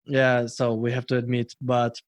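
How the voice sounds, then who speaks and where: A Russian man hosting a podcast in casual chat, often pausing and restarting his sentences. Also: medium pitch, monotone, no echo. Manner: halting, many restarts and fillers. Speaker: podcast host.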